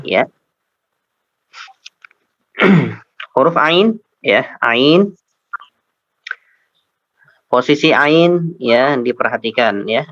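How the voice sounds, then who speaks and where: A man with an Indonesian accent teaching Quran recitation, patiently correcting pronunciation letter by letter and chanting verses slowly as models. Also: medium pitch, animated, a bit bright, no echo, dull audio. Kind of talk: tajwid lesson with slow model recitation.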